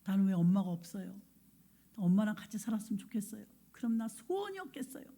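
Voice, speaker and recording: A woman's voice: big pitch swings, quick pace, dark tone. A woman preacher voicing a young elementary school boy who begs and then whines at his mother. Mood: pleading. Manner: pleading and whiny, rising high.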